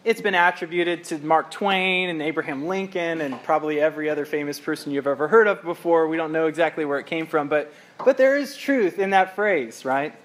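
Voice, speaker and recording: A man's voice: a little high, fairly quick, hardly any pauses, slight background noise. A middle-aged male pastor preaching a sermon in an earnest, reflective, conversational way, reading scripture aloud.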